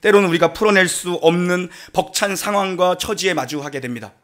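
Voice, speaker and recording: A man's voice: high voice, fairly quick, a bit bright. A middle-aged male pastor preaching a sermon in a joking, conversational way, acting out prayers. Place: church sanctuary.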